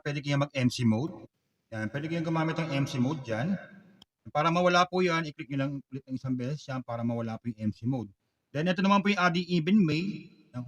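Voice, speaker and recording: A man's voice: a little high, dry recording. Polite man explaining gear step by step. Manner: polite and explanatory, with frequent filler pauses. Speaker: product demonstrator. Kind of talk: product walkthrough tutorial.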